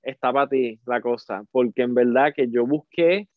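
A man with a Puerto Rican accent, a podcast guest telling a personal story in a casual, animated way and repeating words for emphasis. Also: mid-range voice, normal speed, dry recording. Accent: Puerto Rican Spanish. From Puerto Rico. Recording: dry, phone-like narrow sound.

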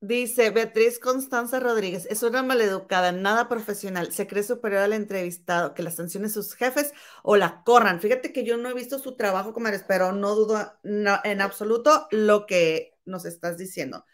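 A woman's voice: medium pitch, moderate pace, hardly any pauses. A Mexican woman co-hosting a casual gossip chat, indignant, reading out viewer comments and calling her co-host "comadre".

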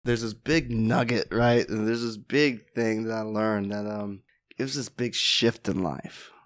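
A man who is a podcast guest and mindset mentor, telling a parable in an animated, casual way and often asking "right?". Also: on the low side, unhurried, no room sound. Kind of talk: casual storytelling.

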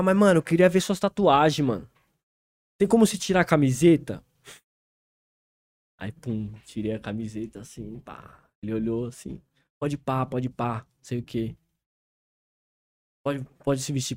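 The speaker is a young man from inner São Paulo state, with a São Paulo Brazilian Portuguese accent and a fairly high, slightly mellow voice. Appearing as a rapper guest, he narrates a long story in relaxed, slang-filled speech, laughing and acting out others' lines. The recording is studio quality with no room sound.

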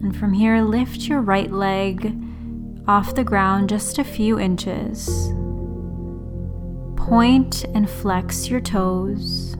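A woman leading a guided relaxation meditation in a soothing, unhurried sleep-story manner, leaving long pauses. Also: mid-range voice, fairly even intonation. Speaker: yoga and meditation teacher, host. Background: background music.

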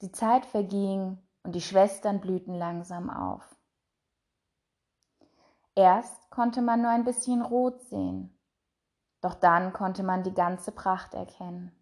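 A woman narrating a fairy tale in a soft, measured voice that trails off quietly. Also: mid-range voice. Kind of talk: storybook reading.

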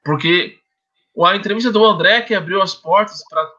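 A documentary filmmaker explains his project earnestly and in detail. His voice is bright and forceful, and a little raised in pitch. The recording sounds dull and muffled. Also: moderate pace. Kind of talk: casual explanatory talk.

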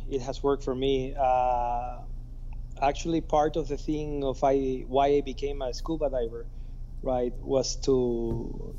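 Ecuadorian-accented male guest, Spanish native, warm dark tone, remote call sound slightly muffled. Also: mid-range voice. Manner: relaxed, tag questions "right?". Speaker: guest, scuba diving instructor. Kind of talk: casual remote interview.

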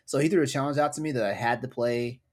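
A man co-hosting a casual podcast, joking about himself, with halting restarts. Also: medium pitch. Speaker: podcast co-host.

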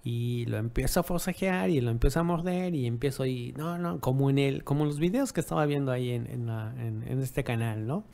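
A man's voice: medium pitch, a little fast, creaky, hardly any pauses, darkish tone. A man giving dog-owning advice in a casual monologue, often ending remarks with rhetorical tag questions and acting out what people said. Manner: rhetorical tag questions, acts out quoted dialogue.

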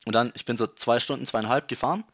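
A man's voice: mid-range voice, quick pace, no room sound, dull audio. Young man telling a story. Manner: animated storyteller, acts out quoted voices. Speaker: podcast co-host. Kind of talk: casual chat.

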